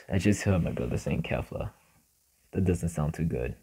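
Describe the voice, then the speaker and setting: A man's voice: a bass voice, expressive, measured pace, vocal fry, mellow, husky. A young man commenting casually on game summons, frustrated and muttering, sometimes swearing. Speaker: gaming YouTuber.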